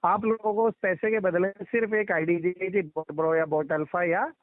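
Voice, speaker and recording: Over a muffled, band-limited telephone line, a man with a high voice insistently explains a procedure, repeating his instructions and talking over others. His intonation is fairly even, his pace brisk, and there's no echo.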